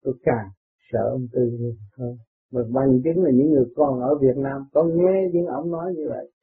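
Older man, husky and a touch high-pitched, rambling through a personal story on a lo-fi phone-line recording. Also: moderate pace. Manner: rambling, quotes others in dialogue, laughs at himself. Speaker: storyteller recounting his life. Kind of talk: personal testimony.

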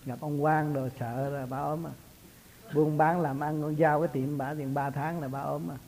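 A man speaking as a spiritual teacher, his voice sitting a little high. He talks in a loose, folksy way, telling homely stories and breaking into laughs as he goes. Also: flat delivery, moderate pace, a little mellow, a little hiss or hum, rough recording. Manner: chatty, laughs often, folksy storytelling. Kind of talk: casual religious talk.

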